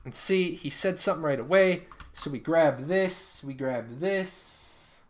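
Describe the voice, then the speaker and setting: Man, thirties, high voice, joking streamer, casual chat with viewers. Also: unhurried. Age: 30s. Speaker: streamer running giveaways.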